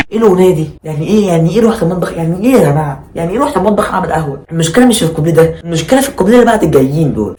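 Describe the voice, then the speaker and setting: Egyptian male comic, observational monologue, extremely quick and exasperated, mid-range pitch, roomy echo. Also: darkish tone. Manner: mock-exasperated, rhetorical questions, repeats himself. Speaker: stand-up comedian. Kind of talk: conversational observational stand-up comedy monologue.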